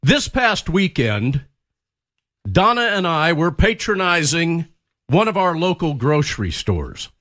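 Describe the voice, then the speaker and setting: Ranting man with a lively high voice. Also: slow. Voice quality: blunt, ranting, politically incorrect cowboy. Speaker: radio co-host. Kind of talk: casual radio chat. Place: radio studio.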